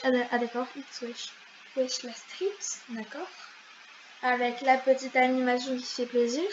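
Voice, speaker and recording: A high, light female voice drifts along at an easy, slow pace. She is a YouTuber chatting casually over her gameplay, slangy and full of fillers. The recording sounds a little muffled and lo-fi, with a faint hiss underneath. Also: fairly bright tone. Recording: slightly dull lo-fi mic.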